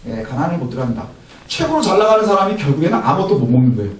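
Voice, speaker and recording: A man's voice: on the high side, very animated, racing. A male pastor preaching a Sunday sermon who poses rhetorical questions and acts out quotes with a raised voice. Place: church sanctuary. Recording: echoey hall from far off, faint noise.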